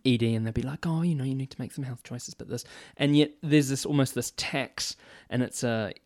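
Here a man in his forties from the healthcare field talks thoughtfully in a relaxed chat, his medium-pitched, slightly mellow voice moving briskly. He often restarts mid-sentence and gestures while speaking, captured cleanly by a boom mic with no echo.

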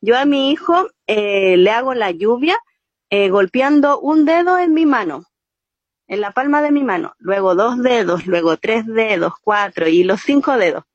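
A woman's voice: fairly high pitch, lively intonation, measured pace, no echo. A woman, a storytelling teacher, explaining voice and body exercises step by step in an interview. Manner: patient, explains step by step with "¿cierto?" checks. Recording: muffled, dry sound.

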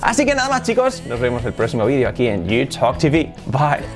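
A man teaching English pronunciation in an animated, playful way, exaggerating his demonstrations. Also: mid-range voice, fairly quick, faint music behind. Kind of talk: energetic online English lesson.

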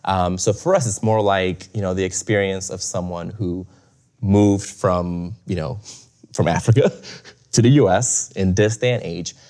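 This interview guest is a young man raised in Bulgaria, speaking in a low, warm voice with a steady tone and measured pace. The conversation is casual, and he reflects aloud with frequent chuckles, lots of fillers and restarts.

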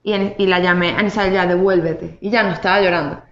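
A woman hosting a casual chat, talking in a lively, laughing way with quick asides. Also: lowish voice, slight background noise. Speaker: host. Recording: roomy, slightly dull recording.

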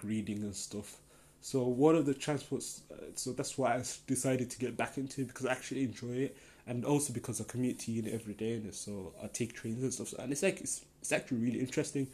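Here the same young podcast host, who grew up in Denmark, speaks in a mid-range voice with a somewhat dark tone. He's answering questions alone on his casual show, chatty and excited, with plenty of filler words.

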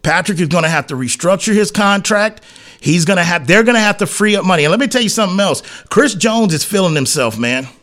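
Here a sports talk host speaks quickly and animatedly in a high, fairly bright voice. His monologue is blunt, emphatic and opinionated, delivered in slangy everyday speech with phrases repeated to hammer them home.

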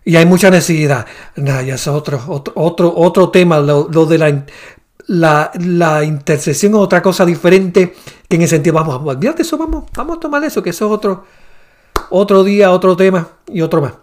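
A man's voice: high-pitched, expressive, a little fast. A man hosting a casual faith podcast, rambling and searching for words, with a teasing streak. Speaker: podcast host. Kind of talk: casual religious chat.

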